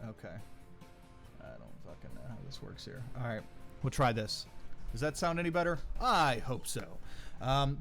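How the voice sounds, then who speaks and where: A man's voice: medium pitch, fairly bright tone. A man casually hosting a tabletop game stream as game master, rambling and making punning segues between players. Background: music.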